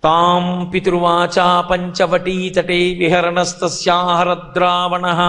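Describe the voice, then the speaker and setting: A man's voice: high voice, a bit bright. A man giving a devotional storytelling discourse, telling tales animatedly and chanting verses. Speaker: spiritual discourse speaker. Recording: long hall reverb.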